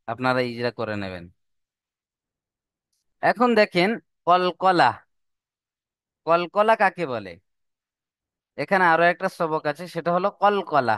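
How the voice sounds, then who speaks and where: A man's voice: a little high, fairly bright tone, clean tone, no room sound, studio quality. A man teaching Quran reading rules step by step, stretching out the example words in a sung recitation. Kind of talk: slow step-by-step lesson.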